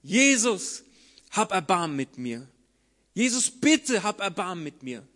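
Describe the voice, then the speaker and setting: A man's voice: high voice, fairly quick, fairly bright tone. A preacher acting out a desperate blind beggar man. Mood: crying out. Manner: pleading, urgent.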